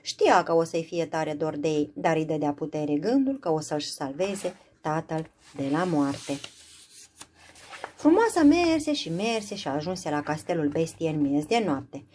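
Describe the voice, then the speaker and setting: Woman, storybook narration, lively intonation, warm low voice. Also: slight background noise. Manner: expressive, animated narration. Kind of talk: storybook reading aloud.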